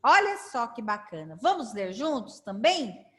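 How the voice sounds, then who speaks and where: A woman teacher with a Brazilian Portuguese accent, giving a children's reading lesson with drawn-out syllables and frequent check-ins. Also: a little high, sing-song. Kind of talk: slow children's literacy lesson.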